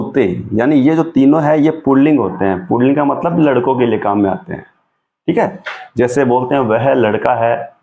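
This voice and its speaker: A man's voice: mid-range voice, creaky, a little mellow, highs cut off. A man teaching a Sanskrit lesson, explaining patiently and often checking with his viewers. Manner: patient, repeats and checks with "ठीक है?". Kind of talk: slow explanatory classroom lesson.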